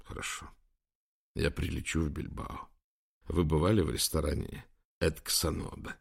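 A self-assured, charming prince from an audiobook, voiced by a male reader. He speaks low and calm, with measured confidence. The voice is quiet and even. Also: gravelly, breathy edge, heavily acted.

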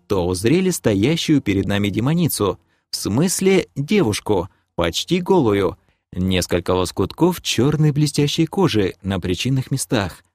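A man narrates a fantasy audiobook in the first person. His pitch moves a lot, giving the reading an animated feel. The recording is dry and close. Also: dry recording.

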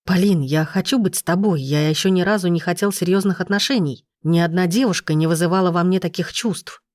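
A remorseful young man earnestly begging his girlfriend to stay, read by a woman in an audiobook. The voice sits low and plain. The recording is dry and close. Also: brisk, a little mellow, dry recording, lightly acted. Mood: pleading. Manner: pleading, earnest. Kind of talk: audiobook reading.

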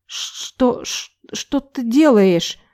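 A scared young nurse speaks in a shaky, breathy whisper, pleading and squeaking a little higher when she protests, as a woman reader puts her on. Her voice stays soft and mellow. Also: normal speed, natural voice.

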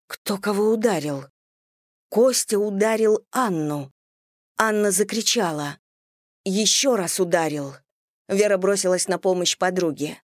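An audiobook narrator reading a novel in steady, even scripted narration. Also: medium pitch, no echo, clean studio sound.

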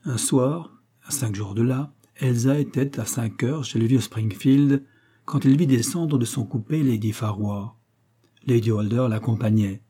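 Male audiobook narrator, steady delivery, dark and husky. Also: mid-range voice. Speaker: audiobook reader. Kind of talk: scripted narration of a novel.

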